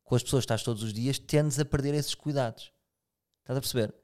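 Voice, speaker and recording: Portuguese guy asking lots of questions, talks quick, thoughtful. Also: mid-range voice, darkish tone, smooth. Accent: European Portuguese. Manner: probing, reflective, asks lots of questions. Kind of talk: casual chat.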